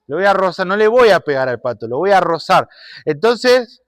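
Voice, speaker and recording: A man's voice: high-pitched, big pitch swings, moderate pace, no echo, studio quality. A man voicing a mischievous young boy who turns guilty, speaking in a pleading, flustered way. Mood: scheming.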